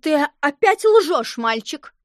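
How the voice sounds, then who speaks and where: Woman putting on a shrill fake teacher rat. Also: sing-song, takes it slowly, no echo, studio quality, full character voice. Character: shape-shifting rat disguised as a stern woman teacher.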